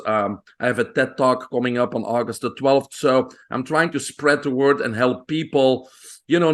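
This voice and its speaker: A man's voice: medium pitch, a bit bright. Belgian-accented man telling his story. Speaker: podcast guest, physician. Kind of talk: conversational interview.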